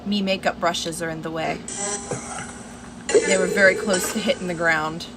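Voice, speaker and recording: A woman's voice: on the low side, normal speed, over loud music. A woman hosting a casual livestream from home, chatting and addressing her listeners by name. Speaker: livestream host. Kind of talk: casual livestream chat with viewers. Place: at home indoors. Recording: noisy livestream with steady background hiss.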